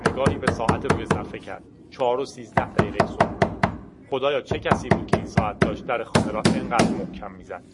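A man narrating an audiobook in a calm, steady manner. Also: medium pitch, very noisy.

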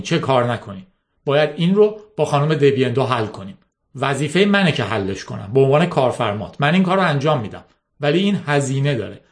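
A man reading an audiobook, voicing a middle-aged boss who sounds fatherly but controlling. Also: a little high. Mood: stern. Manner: smooth, condescending, controlling. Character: middle-aged male boss, falsely paternal, hard.

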